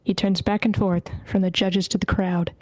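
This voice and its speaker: A woman reading a screenplay's scene directions aloud at an online table read, steady but stumbling over character names. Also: medium pitch, moderate pace, no room sound. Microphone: computer mic in an online meeting.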